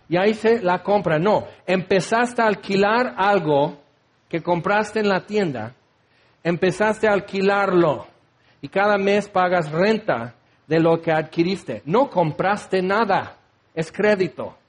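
A man preaching a sermon in an animated, humorous way, acting out little scenes as he goes. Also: high-pitched.

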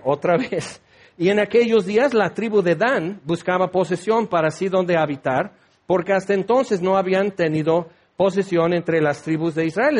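A man preaching a sermon, acting out quoted voices and firing rhetorical questions. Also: sits high.

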